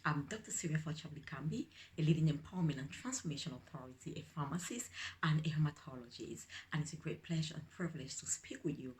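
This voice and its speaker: A woman's voice: low-pitched, fast, a little mellow, slight background noise. Earnest Cameroonian woman giving encouragement. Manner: earnest, repeats key phrases for emphasis. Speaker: empowerment coach and speaker. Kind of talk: inspirational video message.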